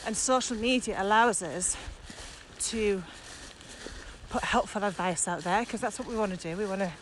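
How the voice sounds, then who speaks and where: A woman who is a virtual trainer and podcast co-host talks eagerly and emphatically at normal speed in a medium-pitched voice. The rough recording was made outdoors as she walked in the countryside, with ambient noise around her.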